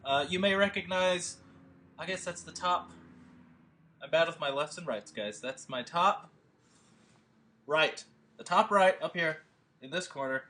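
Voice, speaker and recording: A man who produces and directs hosts a table read, chatting casually and rambling with lots of fillers and restarts. His voice is on the high side, pushed and bright, and his measured pace is broken by frequent pauses that make him sound hesitant.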